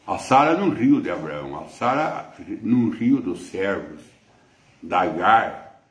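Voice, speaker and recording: A man's voice: sits low, sing-song, measured pace, echoey room. A man with a Brazilian accent preaching a sermon as pastor, emphatic and repetitive. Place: church.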